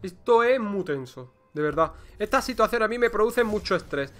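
A male game streamer with a Spain Spanish accent, chatting loosely through a live session. His voice is bright and a little tense, and it swings widely up and down as he plays up joking complaints with theatrical flair. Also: high voice, expressive, moderate pace, faint music behind. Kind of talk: casual livestream gameplay chatter.

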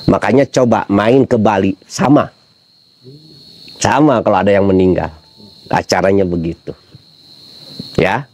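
A man's voice: medium pitch, a little mellow, slightly rough. A middle-aged man, preaching a casual sermon full of funny anecdotes and rhetorical questions to his listeners. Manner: chatty, humorous storytelling with rhetorical questions to the audience.

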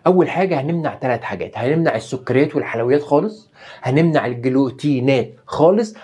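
A man's voice: on the high side, darkish tone, husky. A man with an Egyptian Arabic accent, a doctor giving health advice straight to camera in short, punchy numbered points and rhetorical questions. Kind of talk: direct-to-camera health talk.

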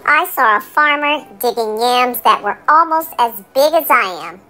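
A woman's voice: high voice, animated, normal speed, bright, forceful tone, soft background music, voice pushed up. A woman voicing a small boastful mosquito that chatters eagerly. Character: gossipy boastful little mosquito.

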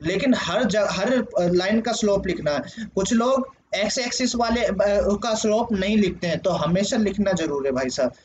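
High-voiced man teaching step by step. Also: animated, moderate pace. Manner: explains step by step, many fillers and self-corrections. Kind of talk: casual Hindi lecture working a problem on screen. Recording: slightly dull lo-fi voice with faint background hiss.

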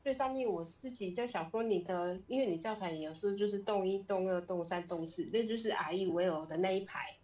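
A woman's voice: medium pitch, brisk, hardly any pauses, muffled recording. A woman student asking tentative questions in a tutoring session. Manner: soft short acknowledgments and tentative questions. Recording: distant mic with faint noise.

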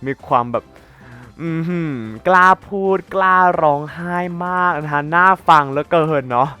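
A man's voice: a little high, moderate pace, bright, forceful tone, smooth, faint music behind. A man hosting a gaming channel, giving playful gameplay commentary in a mock-formal, teasing and sarcastic way, full of exclamations.

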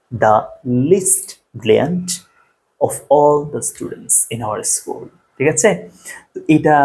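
A man's voice: medium pitch, darkish tone. A man teaching an English grammar lesson, explaining step by step and checking in with the viewer often. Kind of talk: Bengali-language grammar lesson.

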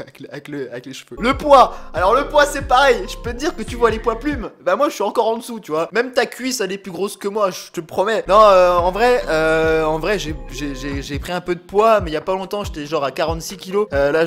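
Young man, high voice, playful and self-mocking, talking to camera, faint music behind. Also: fairly bright tone. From southern France. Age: 20s. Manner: joking, playful, talks straight to the viewer; records standing, bent over his desk. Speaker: YouTuber. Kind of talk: casual self-deprecating vlog chat.

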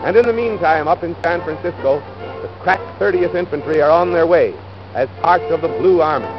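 A man with a slightly high voice narrates an old newsreel in brisk, folksy announcer patter. The sound is dull and lo-fi, like a 1930s film soundtrack. Music plays clearly beneath him.

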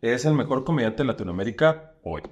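A man, a stand-up comic, chatting on a podcast. His pitch swings up and down a lot as he talks, and his delivery is loose, slangy and animated. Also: brisk. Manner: slangy and animated, with lots of fillers. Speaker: stand-up comedian guest. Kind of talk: casual podcast chat.

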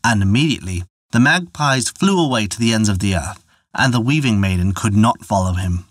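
Guy narrating an old folktale, expressive voice, dead dry mic. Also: fairly low pitch, no room sound. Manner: measured, expressive storytelling. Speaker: storyteller.

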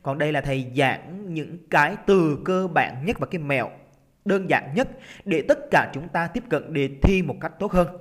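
A Vietnamese man teaching an English exam-prep lesson. He is lively and coaxing, drags out words slowly to show the stressed syllable, and keeps checking in with his students. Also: on the high side. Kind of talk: exam-prep lesson, explaining test answers. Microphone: computer recording while drawing on screen.

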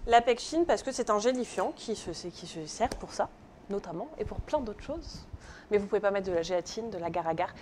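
With a slight hiss or hum in the background, a pastry instructor speaks a little fast in an expressive, mid-range, darkish voice. She's teaching a live online baking class from her kitchen, chatting and joking and often checking in with "ok?".

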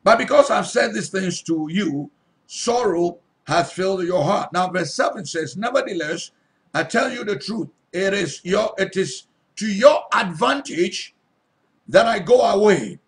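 Male pastor, sermon, high voice, unhurried delivery, reads scripture and repeats key lines. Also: animated. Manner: reads verses then repeats and stresses them; calls out to listeners, asks if they are listening.

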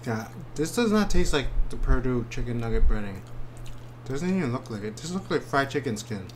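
A man's voice: mid-range voice, very animated, normal speed, a little hiss or hum. A man in his thirties casually reviewing food as he eats, talking between bites in a matter-of-fact way. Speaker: mukbang vlogger. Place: small room indoors.

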